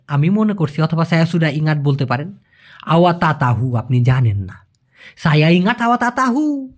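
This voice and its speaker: A man teaching a language lesson in a casual way, repeating phrases slowly and calling his viewers brother. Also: high voice.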